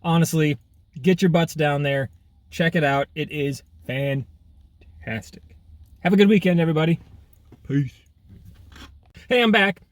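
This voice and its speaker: A food vlogger with a voice on the high side speaks at a moderate pace, pausing often, with no echo. Outdoors in half sun, half shade, he eats while giving a chatty, casual review full of exclamations.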